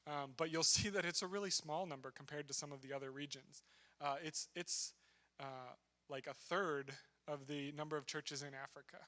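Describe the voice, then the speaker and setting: Bright-sounding guy giving a missionary talk at church, casual and a bit nervous-joking. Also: a little high, moderate pace. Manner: conversational, self-deprecating, with fillers. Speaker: missionary speaker. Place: church sanctuary.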